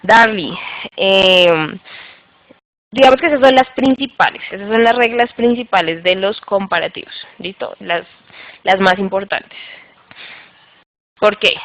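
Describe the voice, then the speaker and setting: A woman's voice: medium pitch, measured pace, long pauses, fairly bright tone, no echo, muffled recording. A woman teaching English grammar in an online class, patient and repetitive, often checking in with the students. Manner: patient, repeats rules and checks with "listo?". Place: online class by video call.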